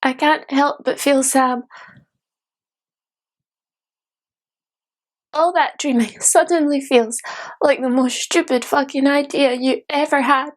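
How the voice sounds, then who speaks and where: Playing a young dreamer who has lost her illusions, a woman delivers a solo monologue in deliberate, reflective fragments. Her medium-pitched voice keeps a fairly even intonation and carries a despairing mood.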